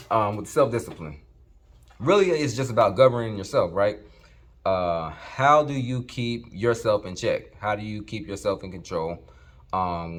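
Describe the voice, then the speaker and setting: Low-voiced laid-back man, slightly slurred. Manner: laid-back, swears casually, slang-heavy. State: slightly slurred speech from dental aligners. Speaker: fitness vlogger. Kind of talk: casual motivational talk to camera. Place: his workshop.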